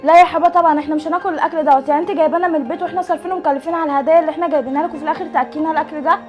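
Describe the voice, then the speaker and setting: A woman's voice: high-pitched, steady tone, racing, highs cut off, faint music behind, close to an everyday voice. A young woman with an Egyptian accent playing an indignant guest who complains in a family skit. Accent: Egyptian Arabic. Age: young adult.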